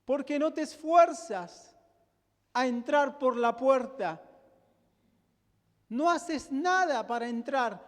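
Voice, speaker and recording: High-voiced Rioplatense pastor, slow sermon. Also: male voice, animated. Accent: Rioplatense Spanish. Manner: emphatic, asks the congregation rhetorical questions. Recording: long hall reverb.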